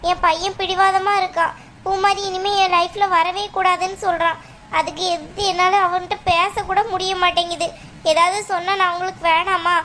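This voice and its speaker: A woman's voice: very high-pitched, level tone, normal speed, slight background noise. A woman doing a soothing cartoon mother-in-law. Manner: soft, apologetic, soothing. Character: gentle soothing middle-aged mother of the groom. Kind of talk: cartoon voice acting.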